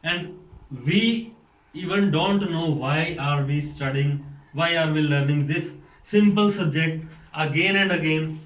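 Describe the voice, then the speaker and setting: A man from India with an Indian accent, a school principal giving a classroom lecture, slow and deliberate, repeating points and asking rhetorical questions. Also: on the high side. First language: Hindi. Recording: echoey room, mic far off.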